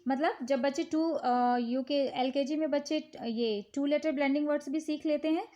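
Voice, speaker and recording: A woman with an Indian accent and a high, light voice walks through a children's worksheet. She talks slowly and patiently, checking in with the listener again and again. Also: steady tone, warm tone, highs cut off. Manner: slow, patient, repeats "ठीक है" often. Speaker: teacher showing worksheets. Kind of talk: casual instructional talk.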